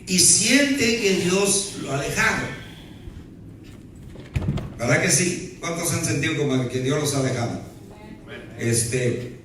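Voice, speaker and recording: A man's voice: mid-range voice, a little hiss or hum. A pastor preaching a sermon to his congregation, often tagging his sentences with a questioning aside and joking in between. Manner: peppers speech with "¿verdad?" and playful asides. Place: church sanctuary. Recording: very echoey hall, voice from far off.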